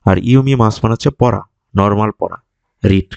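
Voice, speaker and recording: A man's voice: on the low side, brisk, vocal fry, darkish tone, clear, resonant tone, no room sound, lo-fi sound. A male language teacher whose first language is Bengali, patiently explaining vocabulary and repeating each word to drill it in. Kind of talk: vocabulary lesson, explaining words.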